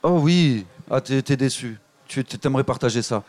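Lively man hosting a live reading. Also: mid-range voice, normal speed. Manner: lively, encouraging, addresses the audience directly. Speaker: host of a public reading event.

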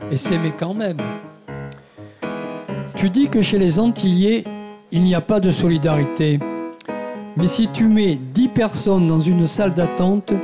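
A man reading a literary text aloud to an audience in a measured, intimate storytelling manner. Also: sits high. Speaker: guest reader. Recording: piano playing behind the voice. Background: piano music.

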